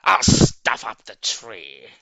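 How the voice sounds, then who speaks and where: A man voicing the Grinch of a storybook, a sly, sneering, mean Christmas thief who draws out his words and gloats. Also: pushed and bright. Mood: gloating. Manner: drawn-out, gloating delivery. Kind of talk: theatrical storybook reading.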